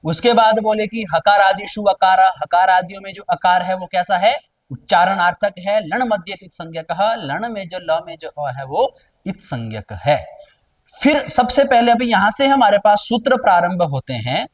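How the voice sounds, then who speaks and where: A man's voice: high voice, expressive, normal speed, recorded from a distance. A man teaching a grammar lecture, explaining rules step by step, repeating key terms and posing questions he then answers himself.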